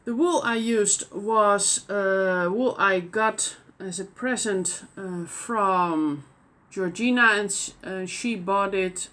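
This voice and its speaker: A Dutch woman from the Netherlands hosts a knitting podcast, chatting casually in show-and-tell fashion. She sounds hesitant, pausing often with fillers and restarts. Her voice is medium pitched with a fairly bright tone.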